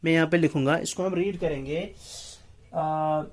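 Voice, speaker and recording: Man, math teacher, slow repetitive explaining, frequent comprehension checks. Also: on the high side, steady tone. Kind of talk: explaining a math lesson, mixing in English terms.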